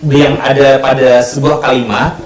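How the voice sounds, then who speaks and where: A male teacher speaks in a measured, guiding manner at a middle pitch. The room is echoey, and loud crowd noise runs behind him. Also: flat delivery. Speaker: Quran recitation teacher. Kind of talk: discussing recitation technique.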